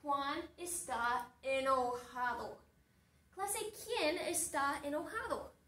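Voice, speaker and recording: A woman teaching a Spanish class, telling a story slowly and stopping to quiz the class and recap. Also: high voice, fairly bright tone, reverberant, recorded from a distance. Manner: slow and deliberate, asking the class questions and recapping. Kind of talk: slow storytelling lesson for a class.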